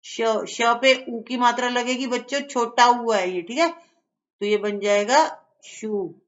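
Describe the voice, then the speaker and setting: A woman's voice: fairly high pitch, slow, muffled recording. A woman teaching a children's lesson, patiently explaining each step.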